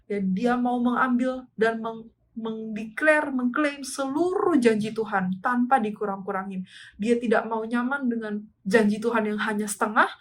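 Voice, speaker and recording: A woman sharing a sermon at church. She talks earnestly, switches languages mid-sentence and keeps affirming her points with a quick "ya". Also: fairly high pitch, low-quality recording. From Indonesia. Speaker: church speaker.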